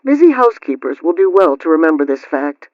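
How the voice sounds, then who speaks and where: Reading scripted household advice in the role of a radio host, a man with a fairly high pitch and big pitch swings speaks fairly quickly in a formal, instructional, carefully enunciated style, asking a question before answering it. No room sound; the recording is dull lo-fi radio-style.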